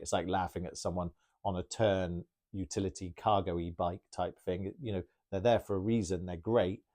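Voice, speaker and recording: Casting: chatty male bike mechanic, low mellow voice, enthusiastic rambling Q&A. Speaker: bike mechanic answering viewer questions. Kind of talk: casual Q&A talk.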